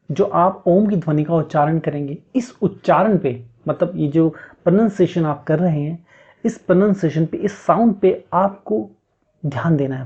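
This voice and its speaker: This man's voice sits on the high side and carries a dark tone as he gives step-by-step meditation guidance. Patient and coaxing, he repeats himself and keeps asking "theek hai" to check on the listener, all captured in dull lo-fi audio.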